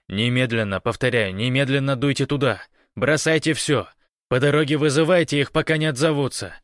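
Guy doing a desperate dude yelling orders on the radio, loud and commanding, dry sound. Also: mid-range voice, dry recording, voice pushed up, close to an everyday voice. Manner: shouting, commanding.

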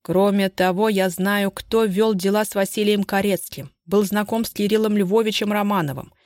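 A confident male private investigator confronting a suspect, his tone cold and sharp as a blade, voiced by a woman narrator. He presses without letting up. The reading sounds dry and close. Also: on the low side, unhurried, no room sound, natural voice. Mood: menacing.

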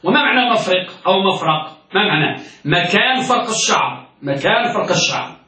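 A man teaching a classroom lesson as a sheikh, his voice high and bright. He poses questions to his students, answers them, and repeats the key words. He is heard from a distance in a strongly echoing room. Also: animated, a little fast. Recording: echoey room from far off.

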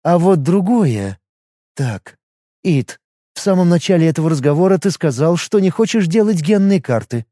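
A man reading an audiobook and voicing a sharp-tongued, secretive woman healer with a brisk, guarded, commanding manner. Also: fairly high pitch, lively intonation, no room sound, studio quality, pitched above the performer's own voice. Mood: insistent.

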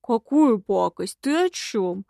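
A woman's voice: mid-range voice, animated, slow, vocal fry, mellow, no room sound, studio quality. Woman voicing an irritated, scornful man.

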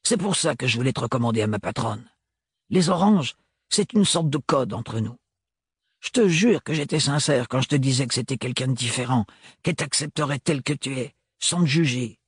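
A man reading an audiobook voices a brash young woman mechanic who talks gruff and slangy, in a husky voice. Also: mid-range voice, expressive, moderate pace, no room sound, studio quality. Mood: earnest.

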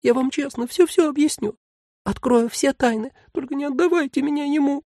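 Tiny scared demon cloud, squeaky and whiny, begging, storybook reading. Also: male voice, fairly quick, darkish tone, dry recording, clean studio sound. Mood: pleading. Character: small frightened male demon cloud, pleading.

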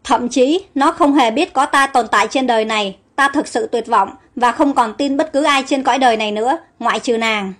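A man's voice: very high-pitched, a little fast, few pauses, a bit bright. A woman reading the lines of a bitter, resentful outcast prince who feels scarred and unloved, in an audio storybook. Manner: brooding and resentful.

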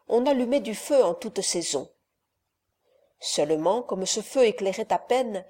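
A woman reading a classic novel aloud as an audiobook narrator, in a measured, expressive way. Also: mid-range voice.

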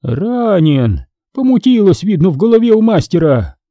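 A man's voice: big pitch swings, normal speed, dark tone, no room sound. A man voicing a greedy, widowed old-time noblewoman who shrieks and commands. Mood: commanding. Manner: shrieking, shrill, imperious.

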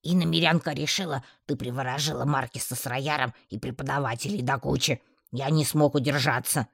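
A woman voicing a small male pet triton, sly and sulky, grumbling slowly in a fantasy audiobook. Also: medium pitch, fairly even intonation, vocal fry, fairly bright tone, no room sound, studio quality, voice pushed down. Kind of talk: audiobook character voice.

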